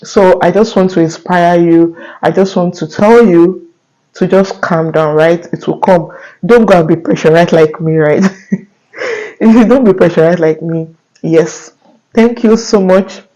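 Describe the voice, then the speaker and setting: A young man with a Nigerian accent speaks to camera in a fairly high voice. He talks earnestly and casually, tagging his points with "right?" and restarting his phrases as he goes. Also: measured pace, a little mellow, rough recording. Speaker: vlogger.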